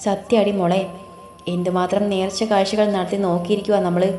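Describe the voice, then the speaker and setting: A woman's voice: mid-range voice, flat delivery, fairly quick, mellow, roomy sound, faint music behind, natural voice. A woman voicing a worried, devoted middle-aged mother in an audiobook story, speaking fondly and fretfully. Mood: hopeful. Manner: fond, fretful.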